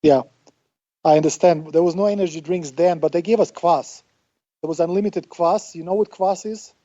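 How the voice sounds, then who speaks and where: A man's voice: a little high, fairly even intonation, moderate pace, warm tone, no room sound. A man from Siberia with a Russian accent, telling stories casually as an interview guest, often searching for words. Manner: hesitant phrasing, searching for words. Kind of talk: casual conversational storytelling. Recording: muffled, band-limited online call audio.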